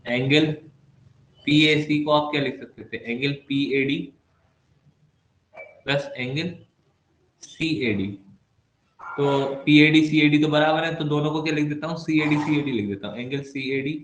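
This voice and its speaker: A man teaches maths in an online class, playful and chatty, teasing students with asides. His voice is a little high, his pace a little slow, with frequent pauses. The room is echoey, with faint background noise.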